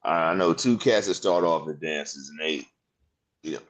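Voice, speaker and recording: A man in his fifties hosting a casual interview, excitable and rambling, full of slang. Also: rumbling low, moderate pace. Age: 50s. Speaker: podcast host.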